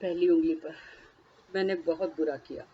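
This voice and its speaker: Husky woman guiding a tapping session. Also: on the low side, steady tone, normal speed, dull audio. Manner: names each tapping point, then a short first-person phrase to repeat. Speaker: tapping therapy guide. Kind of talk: guided emotional freedom tapping session.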